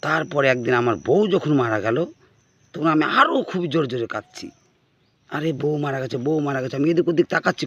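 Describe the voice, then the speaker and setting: A man telling a humorous story straight to his audience in an animated way, often urging them to listen. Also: on the high side, dry recording, highs cut off. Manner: animated, addresses listeners directly with appeals to listen. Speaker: comic storyteller. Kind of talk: humorous first-person monologue to an audience.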